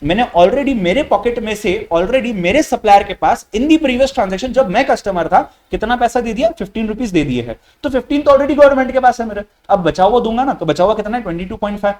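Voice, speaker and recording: A man's voice: high-pitched, darkish tone. A male lecturer teaching a live online class, quizzing students with rhetorical questions and repeating key points. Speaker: GST lecturer. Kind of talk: live online lecture in Hindi-English mix.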